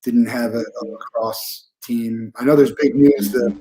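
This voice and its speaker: A man's voice: medium pitch, fairly even intonation, a little slow, mellow, a little hiss or hum. Casual male podcast host. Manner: conversational, hesitant with fillers. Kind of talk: casual interview chat.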